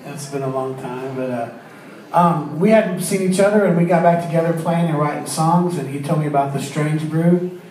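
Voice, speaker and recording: A man from Texas, a relaxed musician guest on a radio interview. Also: a little high, moderate pace, heavy reverb, far from the mic, rough recording. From Corpus Christi, Texas.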